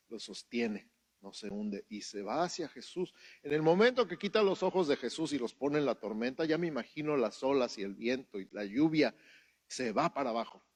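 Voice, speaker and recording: Animated Mexican man preaching. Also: mid-range voice, dry recording. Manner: animated storytelling with acted-out quotes. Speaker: pastor. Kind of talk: sermon. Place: church service.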